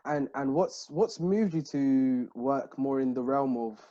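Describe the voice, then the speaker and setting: A man's voice: medium pitch, a little slow. Eager man host, lo-fi sound. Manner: excitable, stumbling restarts. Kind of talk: casual interview hosting.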